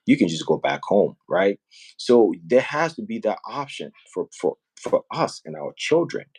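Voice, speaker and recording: Very animated yet moderately paced, he speaks in a fairly low, creaky, husky voice with a darkish tone. The Liberian man hosts a casual live stream encouraging home building back home, earnest and persuasive, forever checking in with "right?" and "you know what I mean?"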